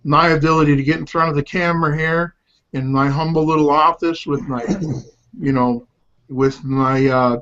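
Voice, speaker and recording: A middle-aged man with a fairly high voice talks candidly to camera from a home office. His speech halts and slurs slightly, as though one side of his mouth were numb from the dentist. The sound is dull and lo-fi. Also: fairly bright tone. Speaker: home-based business promoter. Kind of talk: casual promotional talk to camera.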